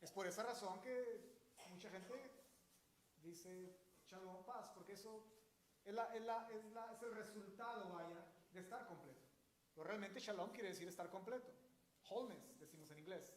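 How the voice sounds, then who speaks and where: A man's voice: high voice, moderate pace, reverberant, slight background noise. A man preaching a sermon as pastor, emphatic and explaining Hebrew words to his congregation. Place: church sanctuary.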